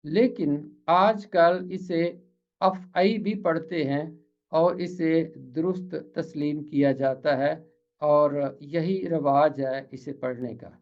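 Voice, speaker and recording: Slow, careful Urdu-accented male teacher. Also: a little high, steady tone, lo-fi sound. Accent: Pakistani Urdu. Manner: careful, deliberate, repeats words to model pronunciation. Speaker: pronunciation teacher. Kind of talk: slow explanatory lesson.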